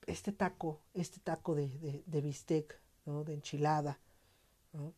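Man, central Mexican accent, podcast host; mellow voice, casual profane monologue with mock-dramatic flair. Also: fairly high pitch, fairly even intonation, a little slow. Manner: slangy, profane, playfully dramatic.

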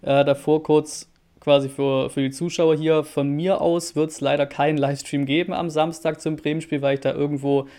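A man hosting a football chat in an even, level voice with little rise and fall. He keeps it conversational and puts questions to his guest. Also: fairly high pitch, moderate pace, hardly any pauses. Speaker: host. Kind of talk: casual football talk.

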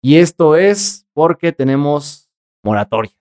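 A man's voice: a little high, animated, a little slow, a little mellow. A man with a Mexican accent co-hosting a comedy podcast, teasing and swearing in a mock-formal way. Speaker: podcast co-host. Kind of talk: casual crude comedy chat.

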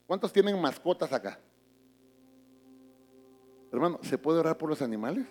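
High-voiced man preaching a sermon. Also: moderate pace. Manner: animated preaching, shifts from booming to hushed. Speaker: pastor.

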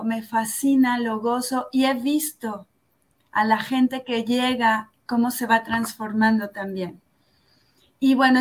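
A woman, a yoga instructor telling her story in an interview, earnest and reflective, often tagging her phrases with "¿no?". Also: a little high. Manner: earnest and reflective, tags phrases with "¿no?", slows down for emphasis. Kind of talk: personal testimony in an interview.

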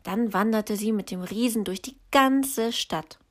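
A woman, likely a teacher, reading a children's story aloud in a slow, calm storytelling way. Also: a little high.

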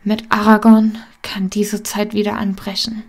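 A woman reading the lines of a dying male warrior, soft and faltering, partly whispered. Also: medium pitch, flat delivery, measured pace. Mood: weak.

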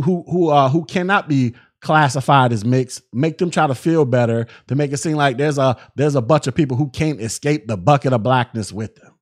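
A young man hosting a solo podcast, talking in animated, slang-heavy commentary full of restarts and repeated words. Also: on the high side. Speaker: podcast host.

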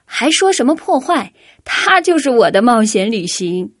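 Woman voicing an excitable man traveler, loud and eager. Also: a little high, normal speed, dry recording, clean studio sound. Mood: excited.

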